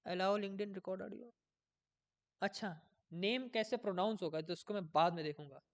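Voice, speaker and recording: A man's voice: high voice, normal speed. A man giving a casual coding tutorial, thinking aloud as he works, often losing his place and checking in with viewers.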